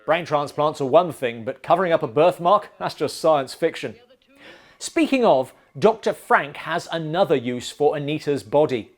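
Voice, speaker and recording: A man's voice: fairly high pitch, animated, moderate pace. A man hosting a comedic bad-movie review, narrating with dry sarcasm. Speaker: film reviewer host.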